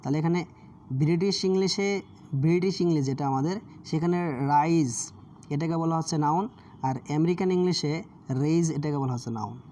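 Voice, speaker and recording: A man with a Bangladeshi accent teaching English grammar over a screen share, often checking in with his listeners and reading English examples slowly. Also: fairly high pitch, dark tone, slight background noise. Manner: explanatory, frequent "ঠিক আছে?" check-ins, reads English examples slowly.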